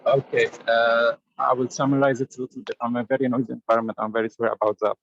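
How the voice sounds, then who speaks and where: A man speaks over an online call that keeps breaking up. His voice is gravelly and the sound comes through dull and muffled. He talks haltingly and fills his pauses with "uh.". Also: medium pitch, little pitch movement, a little hiss or hum. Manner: hesitant, halting, with many "uh"s. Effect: online call audio breaking up. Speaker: meeting participant asking a question. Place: noisy place on an online call.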